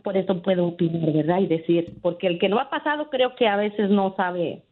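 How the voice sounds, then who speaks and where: A woman's voice: mid-range voice, a little fast. A woman calling into a radio show, an emphatic storyteller who speaks with conviction about her family. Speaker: caller. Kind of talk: phone call to a radio show. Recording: tinny phone line.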